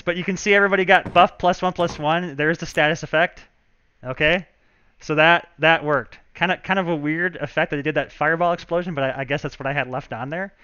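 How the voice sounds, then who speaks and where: A man's voice: fairly high pitch, pushed and bright, slight background noise. A man, a game developer, chatting casually and thinking aloud as he walks viewers through his work on a live stream.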